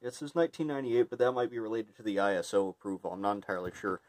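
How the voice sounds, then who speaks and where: Dark, mellow, low-voiced man reviewing casually. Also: animated, racing. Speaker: product reviewer. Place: indoor room with tiled floor.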